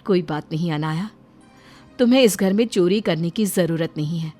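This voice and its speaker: A woman voicing a gentle young daughter-in-law who speaks softly and kindly. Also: lowish voice, normal speed, soft background music, close to an everyday voice. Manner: soft, tearful.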